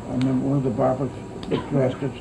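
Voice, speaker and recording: This grandfather from the United States, very elderly at about 90 or older, talks over his wartime childhood in a relaxed oral-history recollection. His voice is aged, creaky and mid-range, his speech halting and wandering with many tacked-on "see"s, and a steady insect-like hum fills the noisy background.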